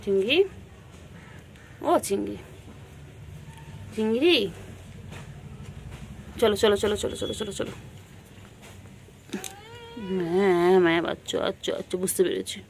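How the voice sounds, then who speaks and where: A woman's voice: medium pitch, unhurried, gravelly, pauses often, slight background noise. A woman filming her cat on a rooftop, cooing and baby-talking to it in a sing-song, often whispery voice. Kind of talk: baby talk to a pet. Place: rooftop outdoors in warm weather.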